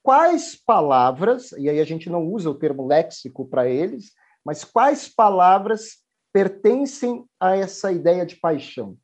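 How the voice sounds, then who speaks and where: A man's voice: on the high side, a little mellow. A man, a university professor, earnestly explaining his teaching practice and restarting his phrases now and then. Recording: dull lo-fi audio.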